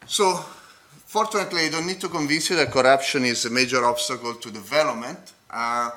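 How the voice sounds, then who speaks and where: In a conference hall, a man with a non-native accent presents an academic paper in a mid-range, sharp-toned voice. He speaks haltingly, with fillers and restarts, and checks in with listeners using tags like "okay?".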